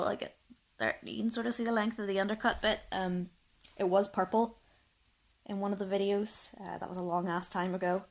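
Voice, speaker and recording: A young woman with a Northern Irish accent, croaky from just waking up, rambling casually to her camera in her bedroom and laughing often. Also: mid-range voice. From Northern Ireland. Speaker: vlogger. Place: bedroom, indoors, rain outside. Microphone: camera set on a shelf.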